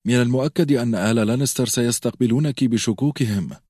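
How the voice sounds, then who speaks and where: A man's voice: mid-range voice, mellow, slightly rough, no room sound, clean studio sound, pitched above the performer's own voice, lightly acted. Brief: male reader playing a cautious elderly maester in an audiobook, reasoning aloud. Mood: thoughtful. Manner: measured, reasoning. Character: thoughtful older male scholar-healer, cautious.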